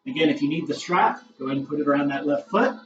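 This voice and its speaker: A man teaching a beginner yoga class, giving calm, encouraging cues with casual asides and getting a little out of breath. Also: a little high, fast talker. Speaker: yoga instructor. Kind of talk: guided yoga class instruction. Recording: roomy, distant, dull camera audio with faint music.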